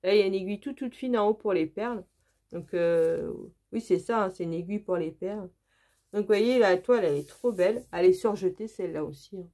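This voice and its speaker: A woman's voice: medium pitch, fairly quick, dark tone. A woman from France, a craft vlogger, chatting casually and eagerly with many fillers as she shows her embroidery kits. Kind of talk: casual unboxing chat.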